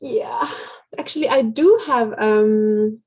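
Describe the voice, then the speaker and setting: A woman from Finland speaking on a video call in a workshop discussion, musing gently and asking long questions. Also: fairly high pitch, takes it slowly, breathy edge, poor audio. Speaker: workshop participant.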